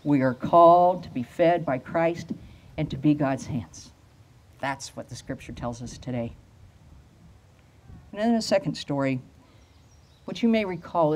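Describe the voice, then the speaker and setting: An older woman preaches at an outdoor lectern, holding a microphone close. She tells simple stories in a plain conversational way. She slows deliberately on the phrases she wants to land. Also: sits low, darkish tone. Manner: storytelling sermon with slowed emphatic phrases. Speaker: pastor. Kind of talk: sermon. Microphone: handheld microphone.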